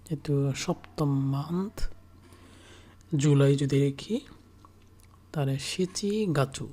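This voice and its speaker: Slow, patient kanji teacher. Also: mid-range voice, mellow. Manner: slow, repeats each reading several times while writing. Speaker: Japanese language teacher. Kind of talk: kanji writing lesson.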